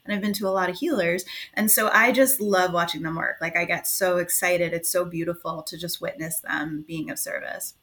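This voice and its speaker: Excited lady coach chatting away, says like a lot, kinda low voice. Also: moderate pace, hardly any pauses. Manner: enthusiastic, gushing, lots of "like" fillers. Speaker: equine-partnered life coach, guest. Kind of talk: casual interview chat.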